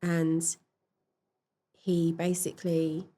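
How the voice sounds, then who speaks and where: A woman in a podcast interview, frankly and reflectively telling her personal story, with pauses and fillers. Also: fairly low pitch, monotone, dark tone. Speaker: podcast guest.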